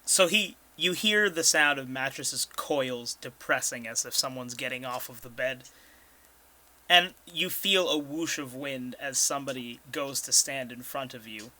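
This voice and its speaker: A man's voice: medium pitch, a little slow, sharp tone, low-quality recording. A man casually narrating a tabletop game as its game master.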